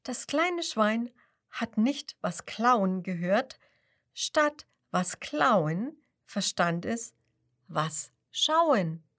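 A woman's voice: mid-range voice, sing-song, drawn-out words, a bit bright. A woman reading a children's story aloud, asking the young listener questions and whispering secrets.

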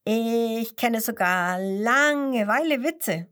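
A woman puts on a cheeky puppet clown, high-pitched and boisterous, bouncing through his jokes in a children's storybook. His voice leaps up and down in lively swings. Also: takes it slowly. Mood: jolly. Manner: loud, high and bouncy, joking. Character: cheeky hand puppet clown Kasper, male, jolly joker.

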